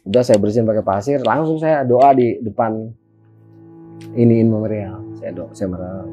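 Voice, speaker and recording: A man with a Jakarta accent telling a story as a guest in a casual, animated, slangy way, often turning to address the host. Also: lowish voice, moderate pace, soft background music. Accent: Jakarta Indonesian.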